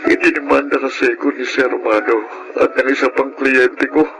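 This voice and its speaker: A man's voice: mid-range voice, steady tone, normal speed, gravelly, over music, lightly acted, poor audio. An actor playing a grieving, remorseful widower confessing his troubles in a Filipino radio drama, in an anguished manner.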